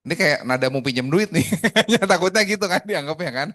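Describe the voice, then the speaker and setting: A man, an insurance agent, chatting casually about sales tips and acting out bright, friendly phone greetings. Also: on the high side, a little fast. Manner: lively, acts out phone calls with bright greetings. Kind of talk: casual podcast chat.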